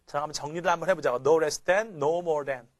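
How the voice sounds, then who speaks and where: A slightly high-voiced man speaks at a normal pace in a recorded English grammar lecture. He keeps posing rhetorical questions, tags on "그렇죠?", and chants phrases so his students will memorize them.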